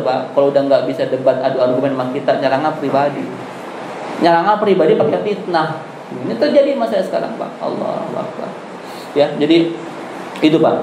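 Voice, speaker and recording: A male preacher giving a chatty, joking sermon in a mosque. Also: fairly high pitch. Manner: chatty, joking, lively storyteller. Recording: echoey mosque hall, faint background noise.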